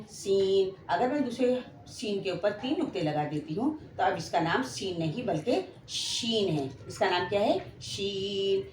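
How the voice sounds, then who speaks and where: Slow patient lady teacher, pakistani urdu accent, echoey room w/ faint hum. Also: mid-range voice. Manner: patient, drawn-out letter names for repeating. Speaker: Quran reading teacher. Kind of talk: slow beginner lesson, spelling out letters.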